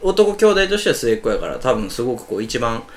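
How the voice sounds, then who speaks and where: A man with an Osaka Kansai accent, co-hosting a casual radio-style chat and telling stories in a quick, animated way. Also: mid-range voice. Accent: Osaka Kansai dialect. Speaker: co-host.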